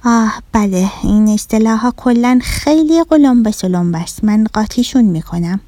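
A woman's voice: fairly high pitch, no room sound, natural voice. A woman voicing a naive, literal-minded young fish child who chattily tells her own children's story. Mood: earnest. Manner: earnest, chatty, lively telling.

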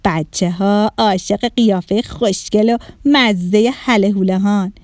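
A woman voicing a boastful, mocking bag of chips in a storybook, loud and taunting. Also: mid-range voice, dry recording, studio quality, lightly acted. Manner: laughing, taunting.

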